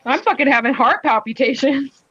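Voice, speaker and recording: A woman's voice: high-pitched, animated, normal speed. A woman in a casual group chat, teasing the others in a brash, profane way. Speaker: panel participant. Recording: muffled call audio.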